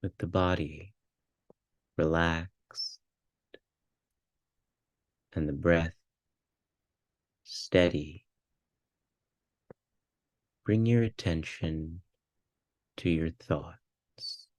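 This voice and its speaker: A man with a low voice leads a guided meditation at an extremely slow pace, giving spoken instructions calmly in short, measured phrases with pauses between them. The sound is dry and close, without room echo.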